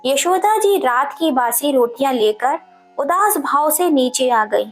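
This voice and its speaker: A woman telling a story in scripted narration, with a steady storytelling delivery. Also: high-pitched, measured pace, faint music behind.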